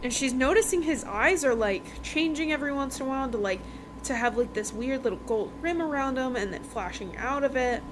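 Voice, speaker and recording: Animated and a little fast, a woman with a high voice recounts a novel's plot on her book review podcast. She keeps it chatty and conversational, tossing in quick bits of acted-out dialogue. Background noise is evident throughout.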